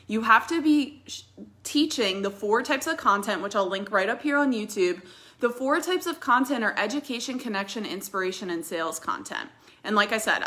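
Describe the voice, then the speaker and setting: A young woman talks straight to the camera in a casual vlog and coaches viewers on growing online. Her voice is bright and a little tense, at a middling pitch. She is chatty and direct, and she laughs easily at her own stumbles. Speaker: social media marketing coach.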